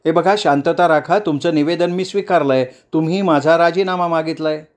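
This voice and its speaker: A man's voice: fairly high pitch, fairly quick, voice pushed up, natural voice. A man voicing a defiant woman council chair who addresses a crowd in a rousing, commanding speech.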